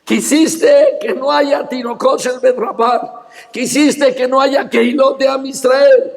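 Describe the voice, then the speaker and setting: A man preaching a fervent sermon as a rabbi, rising to shouts. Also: very high voice, fairly even intonation, slow, big-room sound. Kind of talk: impassioned sermon.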